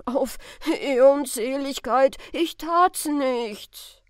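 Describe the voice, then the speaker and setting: A woman's voice: sits high, extremely slow, dry recording, clean studio sound, voice pushed up. A woman voicing a sobbing, frightened drifter. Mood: pleading. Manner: pleading, sobbing. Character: frightened poor drifter man, weeping.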